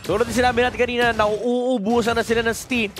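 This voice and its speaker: A Filipino-accented man shoutcasts an esports match in a booming, excitable announcer style. His voice sits high for a man. Music plays clearly behind him. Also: fast. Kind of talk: live play-by-play esports commentary. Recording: loud music behind broadcast commentary.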